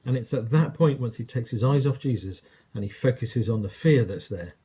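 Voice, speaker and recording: A man's voice: mid-range voice, moderate pace, dark tone, slight background noise. A man with an English accent preaching a sermon, telling a story in a conversational way and acting out quoted lines.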